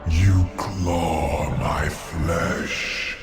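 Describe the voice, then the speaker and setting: An actor playing a sinister, smug, monstrous horror of flesh in a video game, with a gravelly, whispery voice and drawn-out ominous menace. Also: male voice, deep voice, steady tone. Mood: sinister, gloating. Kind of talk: video game boss acting. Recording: music behind, roomy echo. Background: music.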